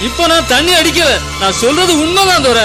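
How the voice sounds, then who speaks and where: A man's voice: very high voice, animated, a little fast. A man playing an anxious servant who pleads with his master nervously. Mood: explaining. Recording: background music.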